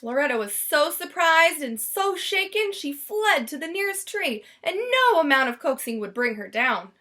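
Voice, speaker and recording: A woman with a high, animated voice reads a storybook aloud at normal speed, giving expressive children's narration.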